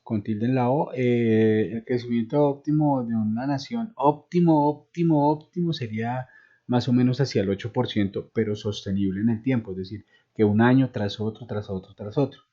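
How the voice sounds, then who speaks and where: A man's voice: mid-range voice, moderate pace, mellow. A middle-aged man giving an online lecture, explaining with homely examples and many "eh" fillers. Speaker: university lecturer. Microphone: online video call. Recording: dull lo-fi call audio.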